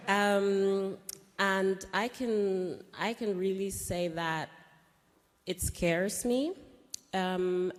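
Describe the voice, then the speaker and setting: A woman from Cameroon speaking on a panel, hesitant with many pauses and fillers, then emphatic. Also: lowish voice. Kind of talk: panel discussion. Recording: reverberant hall recording.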